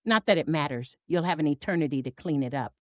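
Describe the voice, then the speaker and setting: A woman's voice: sits low, lively intonation, quick pace, dry recording. A woman voicing a sinister hooded figure in a horror story, murmuring with amused, condescending menace. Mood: mocking amusement.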